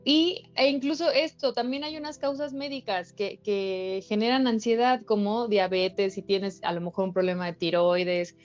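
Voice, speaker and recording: A woman, explaining things in a relaxed, slangy way on a casual podcast. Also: medium pitch, moderate pace, hardly any pauses. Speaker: podcast co-host. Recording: slightly dull lo-fi, faint music bed.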